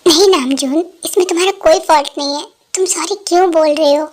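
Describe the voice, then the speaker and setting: Grieving husband, pleading and tearful, dubbed by a woman in a very high voice. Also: a little fast, natural voice. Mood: weary grief. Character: grieving young husband, man in his twenties. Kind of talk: Hindi fan dub.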